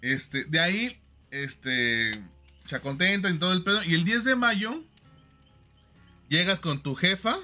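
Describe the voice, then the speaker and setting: A young Mexican man hosts a live stream, dishing out slangy, joking advice to his viewers and padding it with fillers. His voice is bright and forceful and sits a little high. Faint music plays quietly behind him. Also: expressive, slow, pauses often. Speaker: livestream host.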